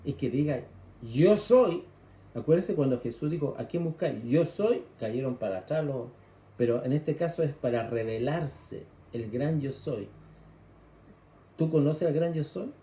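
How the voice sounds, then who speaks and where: A man's voice: mid-range voice, normal speed, dark tone, roomy sound. A man with a Chilean accent preaching a sermon, explaining scripture conversationally and acting out the cries of frightened people. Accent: Chilean Spanish.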